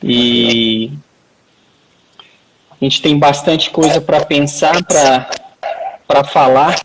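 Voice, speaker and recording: Hosting a casual live-stream video chat from home near his wifi router, a man in his forties with a Minas Gerais Portuguese accent talks very slowly in a slightly high voice. He's chatty and joking with many restarts, and the rough recording carries a little hiss or hum.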